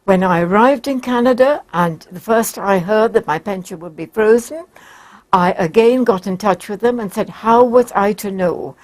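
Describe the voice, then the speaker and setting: A woman, a very old woman speaking formally and haltingly in a studio interview. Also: mid-range voice, darkish tone, poor audio. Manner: halting, formal, carefully worded. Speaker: campaigner interviewed as guest. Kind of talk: broadcast interview. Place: broadcast studio.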